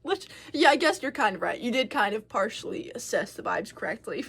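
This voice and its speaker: A young woman vlogger tells a personal story to camera in a casual, frank way, swearing freely and using lots of filler words. Her voice sits on the high side, a little fast, with vocal fry and a breathy edge. She's animated, her loudness shifting as the story unfolds.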